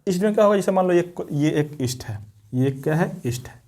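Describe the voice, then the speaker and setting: High-pitched, animated and fairly quick, with a warm tone, this biology teacher works at the board. He asks himself rhetorical questions and answers them, repeating key terms while switching between Hindi and English.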